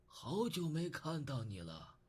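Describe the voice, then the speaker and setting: An actor voicing a friendly old male neighbor in a visual novel, speaking in a slow, chatty, kindly way. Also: a little high, very animated, a little mellow, breathy edge, heavily acted.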